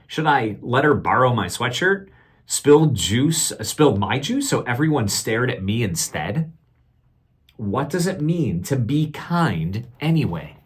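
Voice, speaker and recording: Like a teacher with kids, this man reads a picture book aloud expressively and deliberately, pausing to put questions to the children. His medium-pitched voice has a slight roughness.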